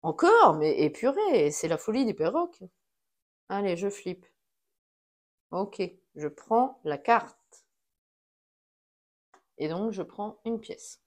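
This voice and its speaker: A woman's voice: mid-range voice, big pitch swings, slow pace, long pauses, a little mellow. A woman talking herself through a solo board game, placing cards and counting pieces aloud in a casual running commentary.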